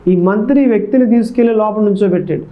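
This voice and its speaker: A man's voice: high voice, quick pace. A male pastor preaching a sermon who keeps asking the congregation questions and stresses points by repeating them. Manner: questioning the congregation, repetitive emphasis. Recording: dull lo-fi recording.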